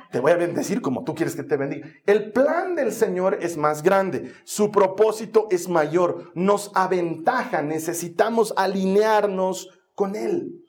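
A man preaching a sermon, telling Bible stories in a dramatic, animated way with jokes along the way. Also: high voice, vocal fry.

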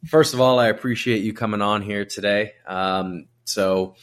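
A podcast host chatting loosely with a friend. He is a man with a fairly low voice and a slight lisp. He rambles and restarts his sentences often. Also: steady tone, normal speed, clean tone. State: slight lisp from new aligners. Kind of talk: casual podcast chat.

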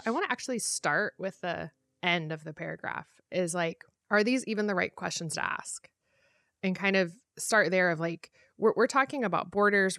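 A woman's voice: lowish voice, a bit bright, dry recording, studio quality. A woman co-hosting a podcast in casual conversation, speaking frankly and thinking aloud with lots of "like"s. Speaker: podcast co-host. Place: home room, windows shut.

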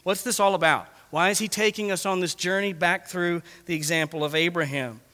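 A man's voice: high voice, steady tone, brisk, pushed and bright, big-room sound. A man preaching a sermon in an emphatic way, repeating words for stress. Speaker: pastor.

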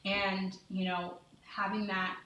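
A woman and mother talking earnestly and deliberately in a candid conversation, heard on a distant mic in an echoey room. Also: mid-range voice, little pitch movement, pushed and bright, lo-fi sound, a little hiss or hum. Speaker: podcast guest, mother.

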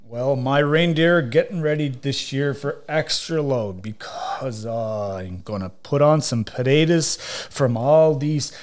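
A man's voice: mid-range voice, unhurried, hardly any pauses, lightly acted. A man playing jolly old Santa Claus in a podcast interview, chuckling and saying "oh, dear" often.

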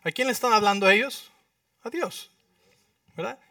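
A man preaching a sermon as pastor, lively, often asking the congregation questions. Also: high voice, normal speed, no room sound. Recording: dry sound, mic at a distance.

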